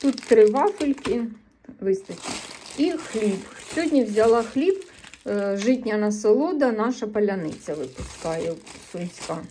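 A woman's voice: medium pitch, animated, a little slow, mellow, a little hiss or hum. A woman from eastern Ukraine with a Sumy regional accent, chatting casually to camera in a vlog, rambling and correcting herself, earnest and a bit defensive. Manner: earnest and a little defensive when answering comments. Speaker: vlogger.

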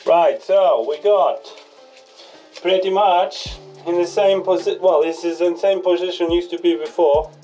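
A man with a slightly high voice narrates his boat build in short, unhurried remarks. He sounds a little distant from the body-worn camera inside the small hull. Faint music plays underneath. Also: mellow. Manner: brief, unhurried remarks while working with his hands. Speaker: boat restorer vlogger. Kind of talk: casual workshop commentary.

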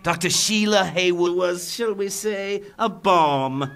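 A man's voice: sits high, slow, vocal fry, a bit bright, full character voice. A man voicing a gleeful, menacing clown crime lord in a comic-book drama, theatrical, sardonic and taunting. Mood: flippant scheming. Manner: theatrical, drawling, sardonic, cackling.

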